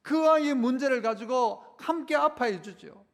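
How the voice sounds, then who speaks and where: High-voiced male pastor in a reverberant hall. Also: lively intonation, gravelly. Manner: leads congregation in call-and-response repetition; slows down to stress key phrases. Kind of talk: sermon. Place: large church sanctuary. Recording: long church hall reverb.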